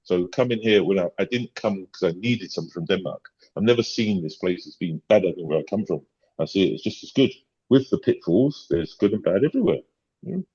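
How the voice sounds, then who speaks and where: A man's voice: low-pitched, animated, brisk, a little mellow, breathy edge. A middle-aged man, a podcast guest chatting casually, rambling with many restarts and tag questions. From England. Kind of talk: casual chat. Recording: dull lo-fi sound.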